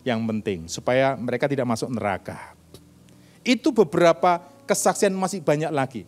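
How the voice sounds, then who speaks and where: A man's voice: mid-range voice, normal speed. An older man preaching a sermon in church, telling personal stories and acting out the dialogue in them. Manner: animated storytelling, acts out dialogue. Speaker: pastor.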